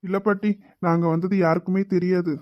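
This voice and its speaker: A man's voice: sits high, level tone, brisk, no echo, highs cut off, close to an everyday voice. A man doing a cheeky, teasing young grandson. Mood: playful. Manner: teasing, playful. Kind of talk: web drama voice acting.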